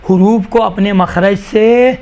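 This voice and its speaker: A male teacher dictating definitions to a class, slowly repeating each phrase so students can write it down. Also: high-pitched, steady tone, a little mellow, a little hiss or hum. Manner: slow, repeats each phrase for note-taking. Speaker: Quran recitation teacher.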